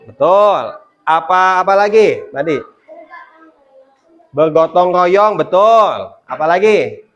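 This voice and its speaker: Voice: mid-range voice, dull audio. Teacher quizzing a class. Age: adult. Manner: quizzes the class with quick questions. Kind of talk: classroom lesson.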